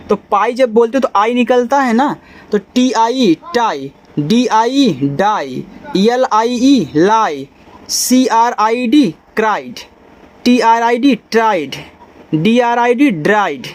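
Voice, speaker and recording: A man teaching a phonics lesson, spelling out letters one by one and patiently sounding out each word. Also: high-pitched. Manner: patient, repeats and checks understanding. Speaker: English teacher.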